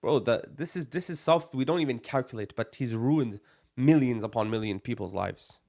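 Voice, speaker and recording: A man's voice: medium pitch, moderate pace, gravelly, darkish tone. A young man from Palestine, a podcast co-host, arguing bluntly and emphatically in a heated discussion, peppering his talk with "bro" and Arabic phrases.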